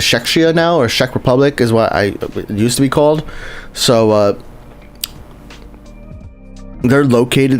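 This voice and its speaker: A chatty male game streamer with a mid-range voice rambles through casual live commentary as he plays. He restarts his sentences a lot and greets viewers in the chat.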